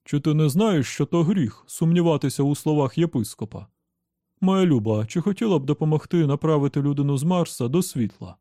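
A man voicing a jovial, smooth-talking middle-aged bishop with a hearty, preacherly manner. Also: a little high, expressive, brisk, warm tone, dry recording, studio quality, lightly acted.

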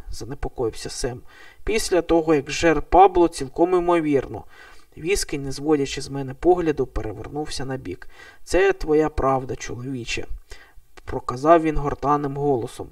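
Male audiobook narrator, fairly high voice, dry and slightly distant recording, lively dialogue reading. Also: creaky, no room sound. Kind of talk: audiobook narration of a novel, voicing all characters.

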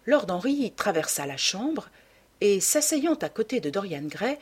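A woman reads a classic novel aloud as audiobook narration, measured and literary. Her voice sits at a middling pitch, with a husky, slightly breathy texture. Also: sing-song. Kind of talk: scripted narration.

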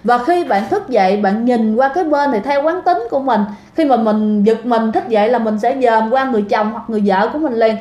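A woman's voice: a little high, brisk, hardly any pauses, warm tone. Chatty woman telling ghost stories. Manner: chatty, addresses listeners directly. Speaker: ghost story narrator. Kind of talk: casual storytelling. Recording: echoey room.

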